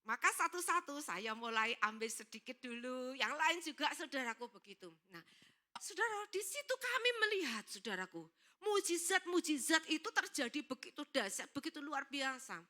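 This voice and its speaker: High, bright-voiced woman giving sermon testimony. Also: sing-song, moderate pace. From Indonesia. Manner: earnest, keeps addressing listeners as brothers and sisters. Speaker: church speaker giving testimony. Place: church service.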